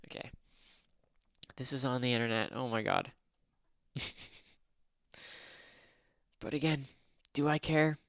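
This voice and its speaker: A man's voice: medium pitch, slow pace, pauses often, fairly bright tone, dry recording. A young man talks casually into a close mic, his mid-range voice dry with no room sound. He rambles and swears often, laughing at himself as he goes. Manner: rambling, swears a lot, self-deprecating. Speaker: livestreamer.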